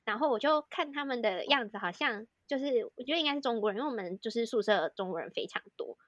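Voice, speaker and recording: Young taiwanese girl rambling quick on a podcast, lots of fillers, kinda high voice. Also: expressive, a bit bright, no room sound, highs cut off. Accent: Taiwanese Mandarin. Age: young adult. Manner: chatty, strings sentences with constant fillers. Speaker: podcast co-host, student in Korea. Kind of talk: casual storytelling chat.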